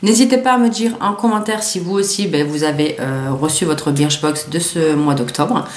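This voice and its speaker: Low-voiced French woman chatting in an echoey room. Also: normal speed. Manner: chatty, hesitant, many fillers and restarts, reads product blurbs aloud. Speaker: beauty vlogger. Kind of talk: casual unboxing review. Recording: echoey room with faint noise.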